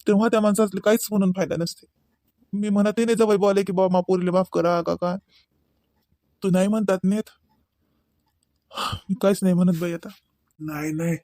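A man voices a gentle middle-aged father-in-law in an animated cartoon. He speaks. The voice is high and dry. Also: dry recording, close to an everyday voice. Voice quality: gentle, consoling.

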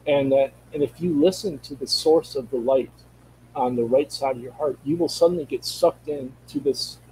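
On a video call from a room at home, a middle-aged man with a Minnesota accent chats casually as a guest through a studio mic. He speaks at a moderate pace in a medium-pitched, darkish voice, rambling and restarting as he searches for words. The audio is poor, with a little hiss or hum.

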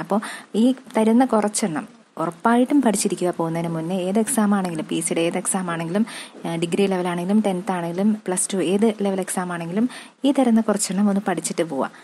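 A woman with a Malayali accent teaching an English vocabulary lesson, slowly spelling out words letter by letter and repeating them. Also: medium pitch, mellow, a little hiss or hum. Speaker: exam-prep English tutor. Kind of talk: classroom-style lesson.

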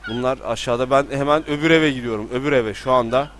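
A young man giving casual live commentary while playing a game at home, talking to himself and sometimes bursting into panicked yelling. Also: medium pitch, quick pace, slight background noise. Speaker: streamer. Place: room at home with balcony door open.

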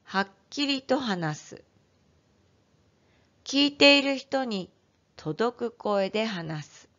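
Woman teacher talking to little kids, slow and super clear, kinda muffled recording. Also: on the high side, animated. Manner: gentle, slow and clearly enunciated, speaking to young children. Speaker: elementary school teacher. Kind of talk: online lesson for first graders.

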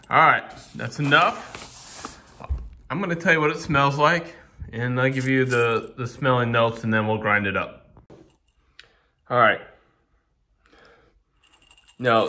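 A man with a medium-pitched, fairly bright voice reviews coffee in his home kitchen, filmed on a phone camera. He rambles while he works, often restarting his sentences.

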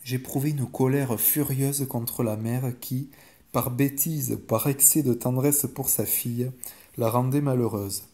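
A man calmly reading a bedtime story aloud in a measured way. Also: medium pitch. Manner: calm and measured.

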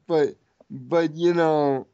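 A man's voice: fairly high pitch, steady tone, drawn-out words, mellow, clean tone, muffled recording. A man hosting a casual fan podcast, with a hesitant, stop-and-start way of talking. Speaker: podcast host.

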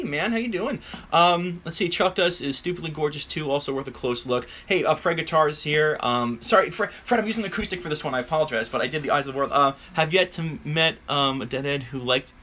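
A man's voice: medium pitch, sharp tone, slight background noise. A man giving a casual live-stream guitar lesson from a room at home full of guitars, talking in a rambling, chatty way with lots of ums and uhs. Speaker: guitar teacher.

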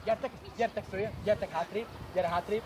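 High-voiced man shouting from across the pitch. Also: fairly even intonation. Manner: calls players back with repeated commands. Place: outdoor football pitch. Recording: crowd noise at an outdoor match.

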